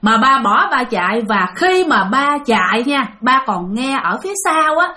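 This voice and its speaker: A woman's voice: high-pitched, moderate pace. A woman with a Southern Vietnamese accent telling a ghost story, often turning to her listeners. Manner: animated, addresses listeners often.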